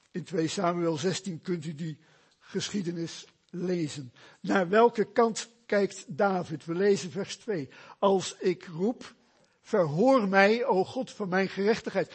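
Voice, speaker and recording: A man preaching a sermon in a church, slow and emphatic, asking rhetorical questions. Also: high-pitched, husky. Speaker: pastor.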